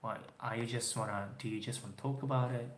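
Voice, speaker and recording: Answering viewers on a casual live stream, a man in his twenties who grew up speaking Japanese talks fast in a steady, mid-range voice, rambling with lots of "you know" fillers as he rests his chin in his hand. He's filmed by a webcam in a small indoor room draped with dark backdrop cloth, with roomy echo and faint background hiss.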